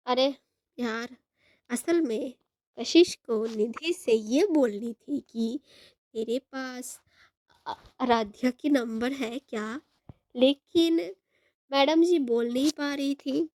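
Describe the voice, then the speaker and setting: A young woman telling a love story in a chatty, halting way. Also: sits high, dark tone, dry recording. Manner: chatty, halting, retells both sides of the phone call. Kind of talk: storytelling narration.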